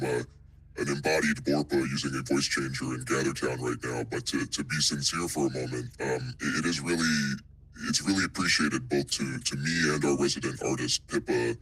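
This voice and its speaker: A man talking through a voice changer that shifts his pitch very deep, giving earnest, explanatory answers in a casual online Q&A. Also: fairly bright tone, breathy edge, low-quality recording. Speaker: NFT art project representative answering questions.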